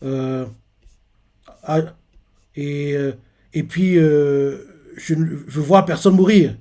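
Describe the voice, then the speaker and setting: A man's voice: on the high side, takes it slowly, dark tone. A man hosting a manga reaction, casually recapping a chapter in a hesitant way with many fillers and self-corrections.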